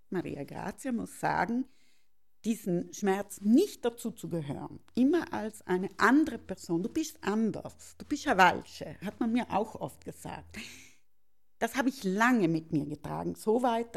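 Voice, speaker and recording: A middle-aged woman, thoughtfully telling her life story as an interview guest and often pausing to search for words. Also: medium pitch, vocal fry, a little mellow. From South Tyrol, Italy. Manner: thoughtful, searching for words with many pauses and restarts. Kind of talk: reflective personal storytelling.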